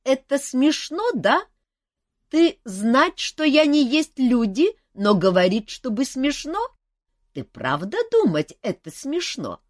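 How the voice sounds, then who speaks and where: A woman's voice: high voice, big pitch swings, no echo, studio quality, voice pushed up, heavily acted. A woman voicing a curious, childlike female dragon who speaks in broken sentences. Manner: broken grammar, slow wondering questions.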